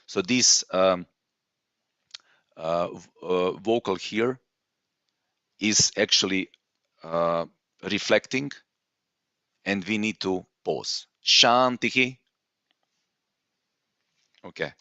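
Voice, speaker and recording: Guy teaching vedic chanting online, lots of uhs, lowish voice, kinda dull dry sound. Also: slow, long pauses, a bit bright, no room sound. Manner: hesitant, many fillers, explains patiently.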